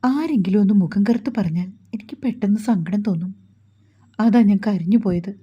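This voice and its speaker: A woman voicing a gentle, sorrowful young woman in a storybook reading, tearful and pleading, on a dull lo-fi recording. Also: medium pitch, fairly quick, breathy edge, lightly acted.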